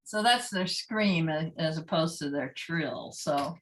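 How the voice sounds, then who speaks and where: A woman with a deep, slightly bright voice speaks slowly while giving a relaxed library presentation about owls with recordings played. She is enthusiastic and chatty and apologizes for little mistakes, and the audio is low quality.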